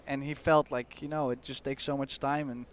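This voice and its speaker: A man giving expert analysis on a pool match as co-commentator, explaining shots in a measured way with casual fillers. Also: medium pitch, flat delivery. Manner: explanatory, measured, uses fillers like "you know".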